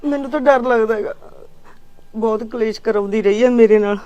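A worried village mother, played by a woman speaks plaintively in a slightly high voice. She has a Punjabi accent and sounds fearful throughout. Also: fairly quick, mellow, no echo, lo-fi sound, natural voice. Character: worried, tearful middle-aged village mother. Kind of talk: village drama acting.

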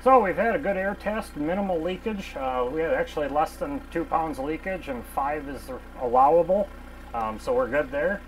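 This thirtyish locomotive mechanic, miked at the lapel in a machine shop, describes repairs in a casual, matter-of-fact technical style with plenty of ums and uhs. His fairly high voice is animated at a moderate pace, over a little hiss or hum in a low-quality recording.

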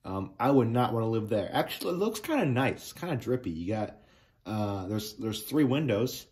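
A man giving a casual soda review to the camera, rambling and excitable, with lots of fillers and restarts. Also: fairly low pitch, normal speed.

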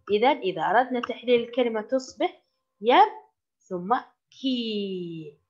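A woman teacher giving a children's reading lesson, patiently repeating each word slowly for her pupils. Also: a little high. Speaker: primary school teacher. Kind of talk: slow classroom reading lesson. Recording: slightly dull lo-fi recording.

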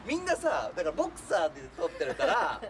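A man's voice: on the high side, wildly swooping pitch, fast, crowd noise. A man telling a funny true story in a casual way, acting out the voices of the people in it and laughing as he goes. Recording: distant mic with clear background noise.

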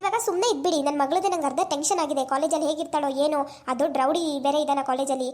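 A woman's voice: high-pitched, steady tone, fast, darkish tone, close to an everyday voice. A woman playing a hot-tempered, protective mother who scolds her husband in an amateur village family drama. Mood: exasperated. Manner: scolding, exasperated. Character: fiery protective mother, quick to anger.

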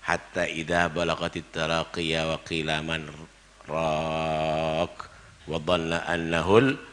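A man preaching a dawn sermon, stressing his points with rhetorical questions and sudden loud exclamations, and chanting Arabic verses. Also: rumbling low, flat delivery, slow pace.

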